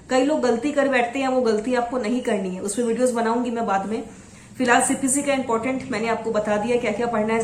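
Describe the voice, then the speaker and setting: A woman's voice: on the high side, echoey room, slight background noise. Woman tutor reading law topics aloud. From Assam. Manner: instructive, reads out headings slowly, then explains. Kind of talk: exam coaching lesson.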